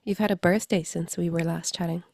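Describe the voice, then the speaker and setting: A woman's voice: fairly low pitch, fairly even intonation, a little fast, darkish tone, dry recording. Woman cohost, stuffy flu voice, giggly and playful, dry close sound. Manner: laughs often, playful. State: congested from a flu. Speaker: podcast co-host. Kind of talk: casual chat.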